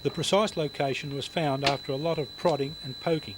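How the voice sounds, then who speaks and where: Reading instructional narration from a script for a technical training film, a man speaks a little fast in a fairly high, steady voice, precise and matter-of-fact. The background is noisy, music sits behind him, and the source is a VHS tape transfer.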